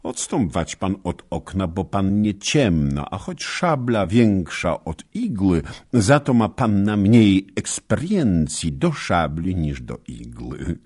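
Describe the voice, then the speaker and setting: A man's voice: deep voice, sing-song, slow pace, a little mellow, breathy edge, pitched above the performer's own voice, full character voice. Michał Wołodyjowski, man doing a teasing little knight. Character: small mocking knight, master swordsman, gentle underneath.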